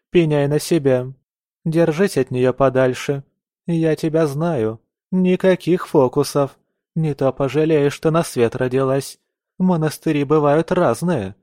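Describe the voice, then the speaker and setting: A man's voice: on the high side, mellow, no echo, studio quality, lightly acted. A man voicing a stern, domineering baroness mother. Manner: stern, scolding, commanding. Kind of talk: audiobook character voice.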